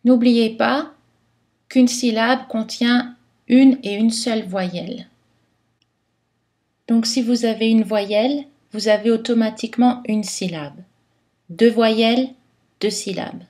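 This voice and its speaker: Woman, phonetics teacher, scripted lesson, slow and deliberate, carefully articulated. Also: on the high side, fairly even intonation, darkish tone. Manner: careful, clearly articulated delivery.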